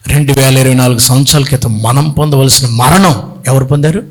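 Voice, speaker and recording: A man, a bishop, preaching a sermon with dramatic storytelling and big swings in pitch and loudness. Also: brisk.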